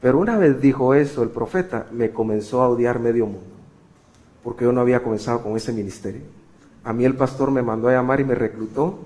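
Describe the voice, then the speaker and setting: A middle-aged man preaching a sermon, telling a personal story with sudden swings between loud emphasis and hushed passages. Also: mid-range voice, fairly quick. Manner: animated, shifting sharply between loud emphasis and quiet. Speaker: pastor.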